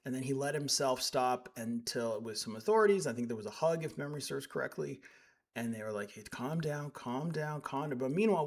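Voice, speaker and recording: A man giving live stream commentary as he reacts to clips, indignant and sarcastic, rambling with frequent restarts. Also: medium pitch.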